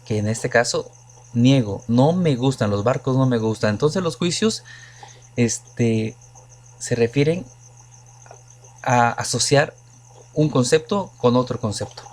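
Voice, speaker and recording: A man's voice: mid-range voice, darkish tone. A man teaching logic to his students, explaining patiently with many examples and questions to the class. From Mexico. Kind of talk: recorded lecture to students.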